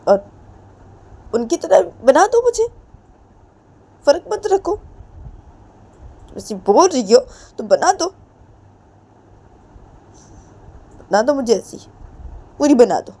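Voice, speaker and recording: A woman voicing a hurt, bitter young woman who pleads and taunts with shrill, insistent questions. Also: a little fast, long pauses, darkish tone, natural voice. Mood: bitter taunting.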